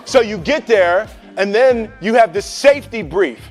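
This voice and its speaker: A man with a notably high voice tells a story to an audience in a casual, conversational way. He slips into the voices of the people in his story and keeps his talk loose and full of slang. Faint music plays underneath. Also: lively intonation, moderate pace. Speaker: speaker telling a story to an audience.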